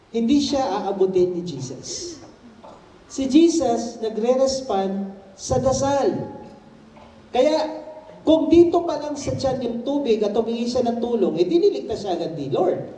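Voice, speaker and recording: Pastor guy preaching, high voice, kinda mellow, big echoey church sound from off mic. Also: recorded from a distance. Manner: animated storytelling preacher, mixing Tagalog and English, rising to shouts. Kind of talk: sermon. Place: church hall.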